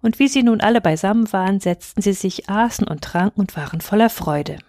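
A woman narrating a fairy tale in a calm, even storytelling voice on a close mic. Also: mid-range voice, brisk, dry recording.

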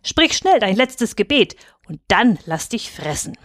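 A woman's voice: mid-range voice, very animated, measured pace, a bit bright, no echo, studio quality. Woman voicing a grim old wolfhound, growling. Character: gruff old male chained wolfhound, mocking.

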